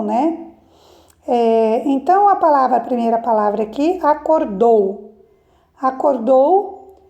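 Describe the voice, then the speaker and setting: A Brazilian woman teaching children in a remote class, explaining slowly and checking in often with the kids. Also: high voice, vocal fry, dark tone. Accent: Brazilian Portuguese. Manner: slow explaining with frequent "né?" and "tá?" checks.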